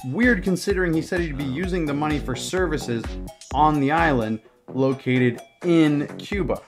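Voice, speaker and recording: A man's voice: on the high side, moderate pace, music in the background. A man narrating a scripted video essay with dry, sarcastic commentary.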